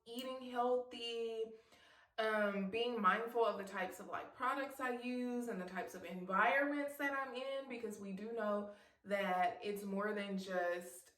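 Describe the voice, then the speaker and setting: A woman's voice: a little high, a little slow, far from the mic. A woman around thirty talking heartfelt and casual to her viewers, encouraging them and calling them "girl," laughing at herself now and then. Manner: warm and emotional, laughs at herself. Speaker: vlogger. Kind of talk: heartfelt casual talk to camera. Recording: echoey room, voice off-mic.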